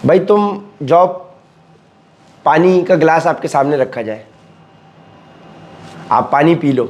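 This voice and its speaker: High-voiced man explaining scripture. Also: animated, darkish tone, dull audio. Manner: conversational, asks rhetorical questions, mixes English words. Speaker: Quran study teacher. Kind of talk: reading a translation and explaining it.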